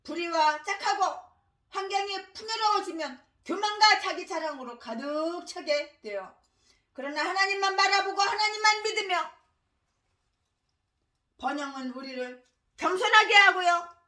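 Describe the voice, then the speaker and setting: A woman pastor preaching a sermon, stressing her points by repeating words and phrases and breaking into harsh shouted tirades. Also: very high-pitched, lively intonation, a little slow, roomy sound. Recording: voice distant from the mic.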